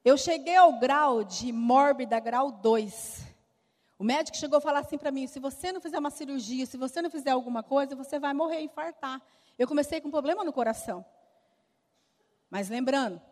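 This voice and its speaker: A middle-aged woman with a Brazilian Portuguese accent sharing a personal testimony with lively storytelling and acted-out dialogue, in a church hall. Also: high voice, fairly quick. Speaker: speaker giving a testimony. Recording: long reverb of a large hall.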